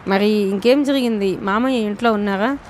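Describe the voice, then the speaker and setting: Woman narrator voicing a young man, gentle, protective, soft coaxing tone, audiobook novel. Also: mid-range voice, moderate pace, slight background noise, lightly acted. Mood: soothing.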